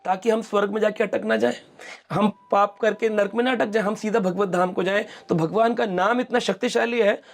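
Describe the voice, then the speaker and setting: A man's voice: high voice, fairly even intonation, fairly quick, vocal fry, faint music behind. A middle-aged man, a spiritual speaker, explaining scripture in an interview and acting out quoted speech as he tells stories. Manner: storytelling, mixes English words, acts out quoted speech.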